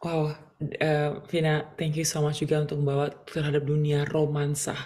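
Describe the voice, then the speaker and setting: A woman hosting a casual faith talk show, responding warmly to her guest and mixing English into her Indonesian. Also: deep voice, completely flat delivery, normal speed, slight background noise. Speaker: host.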